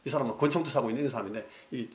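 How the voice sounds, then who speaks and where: A male pastor delivering a sermon earnestly, dropping to soft pleading and rising in stories. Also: mid-range voice, very fast, roomy sound. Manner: earnest preaching that drops to soft pleading, then rises in anecdotes. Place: church sanctuary.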